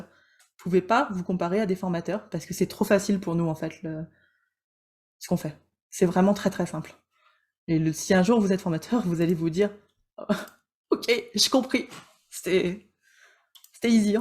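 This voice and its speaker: A woman coach hosting a casual live teaching session, joking with viewers, calling them by name, and talking in quick bursts full of restarts. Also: mid-range voice, darkish tone.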